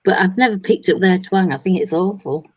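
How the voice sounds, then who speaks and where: An English woman hosting a relaxed crafting chat, talking easily and laughing often. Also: on the low side, a little fast, slightly rough, highs cut off. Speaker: host. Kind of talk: casual chat while crafting.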